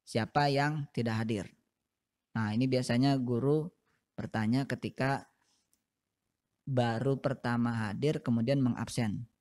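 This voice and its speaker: A man's voice: mid-range voice, fairly even intonation, a little slow, long pauses, a little mellow. A man teaching English to young students, patiently repeating each phrase twice and explaining it step by step. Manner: explains patiently in short steps. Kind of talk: recorded classroom lesson for seventh graders.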